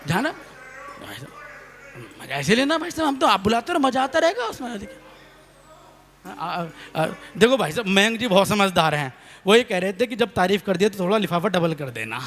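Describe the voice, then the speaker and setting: High, animated man doing live stage comedy. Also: a little fast. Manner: lively storytelling, calls on the audience to clap, acts out voices. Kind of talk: live comic poetry recital. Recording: long hall reverb on a live stage.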